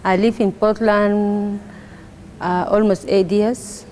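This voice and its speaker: A woman from South Sudan with a South Sudanese accent, an adult education student who speaks English as a second language, talking haltingly about her classes and repeating words as she searches for them. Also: mid-range voice, flat delivery, darkish tone, a little hiss or hum. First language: not English. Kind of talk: interview testimony.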